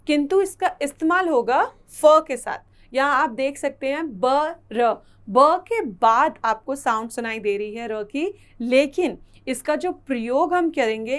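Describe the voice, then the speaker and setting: Slow, high-voiced woman teaching children. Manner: slow, careful explanation with repeated words. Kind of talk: children's Hindi lesson.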